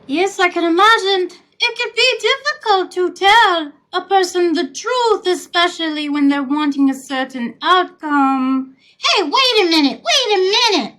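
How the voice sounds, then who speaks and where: A woman's voice: extremely high pitch, expressive, unhurried, sharp tone, full character voice, rough recording. A woman voicing a sweet talk-show interviewer who calls her guests honey and darling. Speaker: host.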